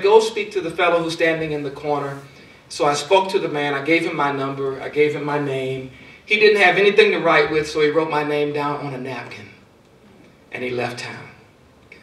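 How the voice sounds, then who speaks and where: A man giving a motivational speech, telling a personal story, his loudness rising and falling for effect. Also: on the high side. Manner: storytelling with dramatic swings in loudness. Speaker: speaker. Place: large hall. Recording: echoey hall, far from mic.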